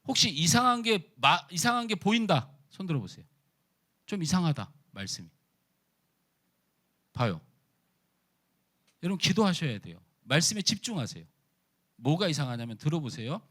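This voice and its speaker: Male pastor, sermon delivery, slightly high and very animated pitch, questions the congregation playfully. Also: normal speed, pauses often. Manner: asks the congregation questions and teases them; lively, animated preaching. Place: church.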